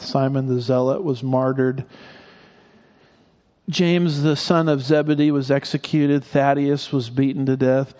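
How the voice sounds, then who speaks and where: A man's voice: medium pitch, a little mellow, muffled recording. A man preaching a sermon as pastor, in a conversational way with asides and restarts.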